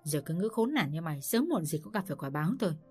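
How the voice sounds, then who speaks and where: A woman's voice: deep voice, very animated, quick pace, a little mellow, husky, faint music behind, heavily acted. A woman voicing an abusive older mother-in-law who screams insults, in a storybook reading. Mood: furious.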